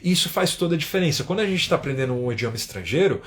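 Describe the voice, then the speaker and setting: A man's voice: a little high, expressive, very fast. A man from Brazil with a São Paulo accent, teaching English in a live stream and talking casually, often tagging his sentences with little checks for agreement. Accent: São Paulo Portuguese. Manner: chatty, keeps adding tag questions.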